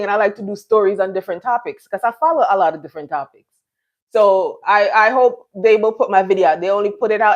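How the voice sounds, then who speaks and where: A middle-aged woman from Jamaica hosting a casual live chat, rambling and restarting her sentences as she talks to viewers. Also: medium pitch. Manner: chatty, rambling, many restarts and fillers. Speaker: live stream host.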